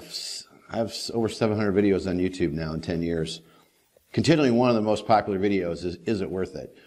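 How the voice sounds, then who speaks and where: A man's voice: fairly low pitch, a little mellow. A middle-aged man hosting a daily helicopter training video, rambling in a folksy casual way with lots of "you know". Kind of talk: casual talking-head monologue.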